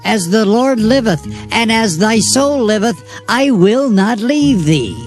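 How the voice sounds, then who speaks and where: A man's voice: high voice, lively intonation, takes it slowly, faint music behind, voice pushed up. A man voicing a devoted young prophet, earnest and pleading, drawing out his words.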